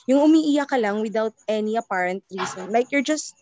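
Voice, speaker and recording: Young woman, podcast guest, casual chatty talk, slightly high voice, muffled lo-fi call audio. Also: animated, normal speed, darkish tone, slight background noise. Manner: chatty, mixes English and Tagalog freely. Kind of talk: casual chat.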